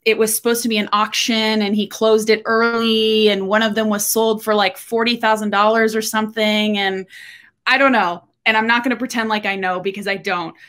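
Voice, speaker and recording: Her voice is mid-range, level, bright and forward: a young Texan woman addressing her webcam casually from home. Candid and quick with joking asides, she sounds like a golf podcast co-host recapping the week's news.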